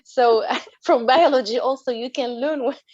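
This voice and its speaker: A woman's voice: high voice, normal speed, a little mellow, no room sound, lo-fi sound. A woman from Morocco with a French accent, speaking as a guest on a webinar in a passionate, earnest way and often restarting her words. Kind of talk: earnest panel talk.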